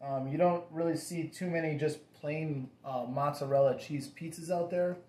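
A man's voice: fairly high pitch, fairly even intonation, normal speed, a little mellow. An easygoing man in his forties reviews a frozen pizza at his dining table, chatting to his son. He slips in plenty of ums and likes. The sound comes from a camera across the table in a roomy home with a noticeable echo. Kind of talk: casual food review chat.

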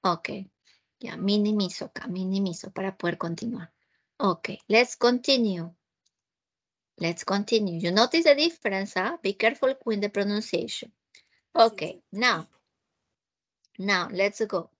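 A woman's voice: medium pitch, takes it slowly, long pauses. A woman with a Peruvian Spanish accent teaching English over a video call, patiently repeating herself and checking that students understand. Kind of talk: online class, mixing Spanish and English.

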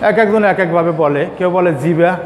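Guy teaching a class, higher voice, repeats words slowly, long echo and faint room hum. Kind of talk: classroom lecture on pronunciation. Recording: echoey room with faint ambience.

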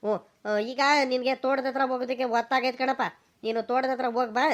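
A woman's voice: high voice, level tone, fast, close to an everyday voice. A woman voicing a nervous grown village son who stammers out excuses, speaking with a rural Karnataka accent. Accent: rural Karnataka Kannada.

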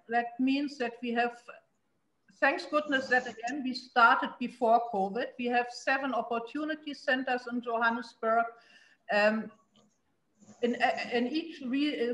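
Joining a video-call panel from her home, a German-accented, middle-aged city investment promotion official speaks earnestly and with emphasis, restarting often and using many fillers. Her voice is a little high and fairly bright, and the laptop webcam audio is poor and reverberant.

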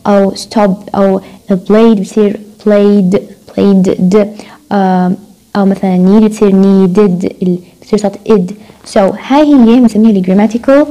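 Mellow-voiced woman lecturing. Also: mid-range voice, low-quality recording. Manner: mixes Arabic and English, repeats key words. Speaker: university lecturer. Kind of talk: recorded lecture explaining phonetics.

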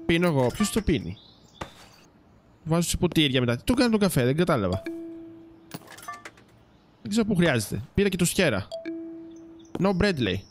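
Chatty gamer man, higher voice. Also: big pitch swings, long pauses, soft background music. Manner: chatty, teasing game characters. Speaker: gaming YouTuber. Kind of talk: casual let's-play commentary.

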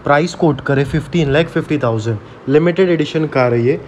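A man's voice: a little high, quick pace, a little mellow. A man, giving a casual, conversational car walkaround and mixing in English words. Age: 20s. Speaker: car review vlogger. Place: outdoor used-car lot. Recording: outdoor background noise, traffic ambience.

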